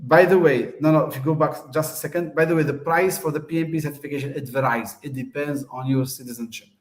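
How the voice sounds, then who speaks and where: A Tunisian man hosts a casual chat, explaining things quickly but hesitantly, with many uhs, fillers, and false starts. His voice sits a bit high for a man, and the room rings with echo.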